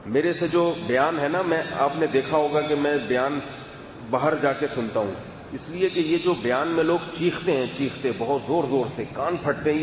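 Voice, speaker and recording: Give me a calm, chatty male preacher in an echoey hall. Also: medium pitch. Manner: calm, chatty, asides to the audience. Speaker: religious scholar giving a talk. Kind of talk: conversational religious talk. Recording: echoey hall, faint background hum.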